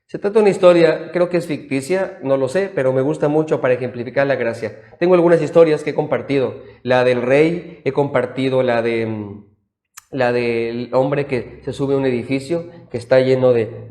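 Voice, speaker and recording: A man, a pastor preaching a sermon with emphatic storytelling that drops to quiet, soft tones. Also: mid-range voice. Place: church, streamed live.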